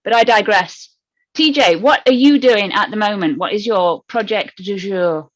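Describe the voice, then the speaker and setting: A woman's voice: medium pitch, moderate pace, poor audio. Woman co-hosting a casual chat show. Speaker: co-host. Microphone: video call.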